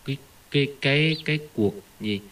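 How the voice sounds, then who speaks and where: A man with a bright, forceful voice gives a relaxed, conversational Buddhist dharma talk. He sounds earnest and animated and keeps calling out the Buddha's name for emphasis. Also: mid-range voice, brisk. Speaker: Buddhist lay teacher.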